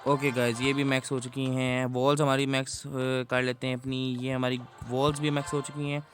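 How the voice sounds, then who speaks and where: A man's voice: mid-range voice, little pitch movement, fairly quick. A man giving chatty, casual gameplay commentary to his viewers. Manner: chatty, addresses viewers as guys. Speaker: gaming YouTuber.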